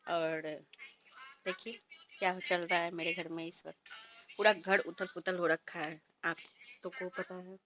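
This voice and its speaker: Soft-spoken woman on a noisy phone. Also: on the low side, little pitch movement, measured pace, pauses often. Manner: speaks softly and quietly. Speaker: vlogger and homemaker. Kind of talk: casual home vlog. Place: indoors at home. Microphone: phone placed a little way off. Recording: noisy home phone recording.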